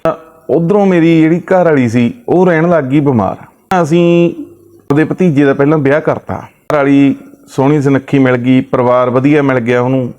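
Storyteller, male, even middle voice, recounts a told story. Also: mid-range voice, normal speed. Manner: relays another man's words with repeated "he says". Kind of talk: retelling a family story.

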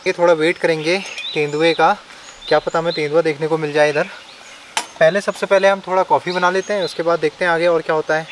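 A man with a somewhat high voice chats to camera from a forest campsite in the hills. He talks casually and explains each step to his viewers. Faint insects and birds hum behind him. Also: flat delivery, fast talker. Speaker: camping vlogger. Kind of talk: casual vlog narration to camera.

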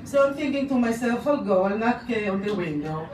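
A woman's voice: on the high side, a little fast. Israeli-accented woman telling a story live. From Poland. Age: middle-aged. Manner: animated, gesturing, with audience laughter. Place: small dark room, on stage. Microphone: handheld mic on stand, far camera. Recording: roomy, from far off, noisy.

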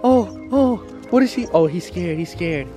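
A man's voice: high voice, lively intonation, a little slow, dark tone, faint music behind. A young man chatting casually to his viewers and his puppy in a vlog. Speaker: vlogger.

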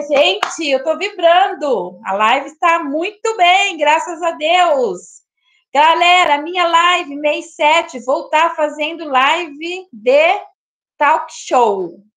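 A woman hosting a casual live stream, exclamatory and quick to laugh, greeting viewers by name. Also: extremely high pitch, fairly bright tone.

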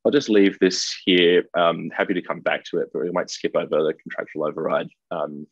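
A middle-aged Australian man presents a keynote from his office over a webcam, pausing on ums and restarting phrases. His voice sits very low with a husky edge. The audio is dull and lo-fi, with a dry, close sound. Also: steady tone, dry recording. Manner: hesitant, frequent ums and restarts. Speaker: keynote speaker. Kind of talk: conference presentation over video call. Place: indoor office. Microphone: webcam video call.

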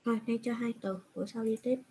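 A woman's voice: on the high side, steady tone, quick pace, mellow, slight background noise. A woman teaching Japanese in an online class, patiently asking questions and answering them herself. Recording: screen recording from a browser.

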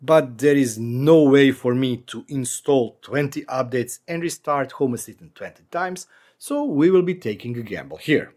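A man's voice: mid-range voice, animated, normal speed, a little mellow. A man in his forties hosting a screen-recorded tech tutorial from a home office, talking through steps with wry asides. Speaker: tech channel host.

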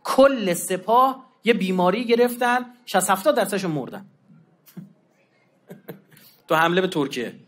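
A man giving a colloquial religious history lecture, telling stories in an animated way and acting out the quoted exchanges, with informal slang and asides. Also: sits high, long pauses.

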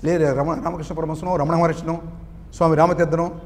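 A man preaches a spiritual sermon, chanting verses slowly before explaining them. He often poses a question and answers it himself, in a fairly high voice. Long reverb trails behind his words. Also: level tone. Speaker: spiritual teacher.

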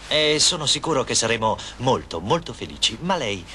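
A man's voice: medium pitch, big pitch swings, fairly quick, bright, forceful tone, a little hiss or hum. A man playing a polite, somewhat preoccupied young suitor in a dubbed TV soap opera.

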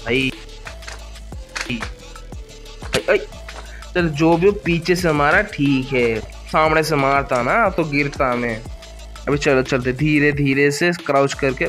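An excitable young Indian man talks through his gameplay, pleading and yelling at the monsters on screen. His voice sits a little high for a man. Faint music plays beneath him. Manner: excitable, shouts at game mobs, pleading bursts. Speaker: gaming YouTuber. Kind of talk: gameplay commentary.

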